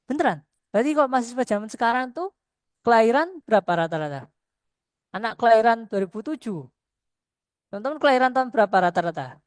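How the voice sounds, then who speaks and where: A woman's voice: fairly high pitch, sing-song, quick pace, pauses often, no room sound, studio quality. A middle-aged woman, a lecturer, giving a conversational workshop talk to students, earnest and repeating points for emphasis.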